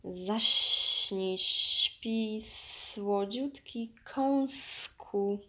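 A woman voicing a sly python that hisses and croons slowly, with a strange altered tone. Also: mid-range voice, lively intonation, vocal fry, pushed and bright, full character voice. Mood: crooning. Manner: drawn-out, crooning and coaxing. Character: slow hissing sly python snake.

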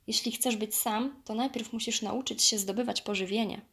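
A woman's voice: fairly high pitch, fairly even intonation, normal speed, fairly bright tone. A woman voicing a big, jolly male bear who talks in a hearty, teasing way. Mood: instructive.

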